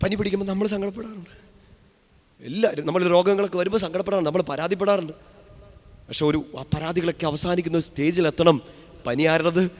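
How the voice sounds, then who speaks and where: A fairly high-voiced male priest preaches a fervent retreat sermon, sinking to near-whispers and then rising to loud calls for the crowd to answer. His voice rings out with a long hall reverb. He has a touch of a sore throat. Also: steady tone, fast talker. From Kerala, India. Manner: swings from hushed to loud calls, leads congregation in responses.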